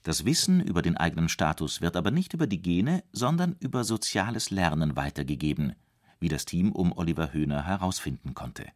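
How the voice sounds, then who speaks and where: Man, documentary narrator, scripted delivery, very deep pitch, animated intonation. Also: fairly quick.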